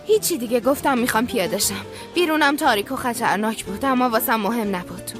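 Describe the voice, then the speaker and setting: An actress voicing a proud, quick-tempered young woman doctor in a dubbed TV drama. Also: a little high, animated, music in the background, natural voice. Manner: sharp and indignant when angry.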